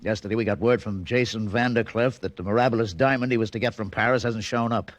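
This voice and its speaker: A gruff American police detective from an old radio show, played by a male actor, curt and sardonic. His voice is low, with a dry, close sound. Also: steady tone, fast talker, no echo, natural voice. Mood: brusque explaining. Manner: curt, sarcastic, clipped tough-cop talk. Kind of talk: 1940s radio drama acting.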